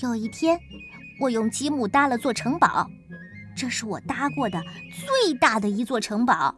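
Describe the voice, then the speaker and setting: A woman reading a children's picture book aloud in the first person as a little mouse, in an animated, childlike way. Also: a little high, normal speed, soft background music. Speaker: storybook narrator speaking as the little mouse. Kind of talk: expressive children's story read-aloud.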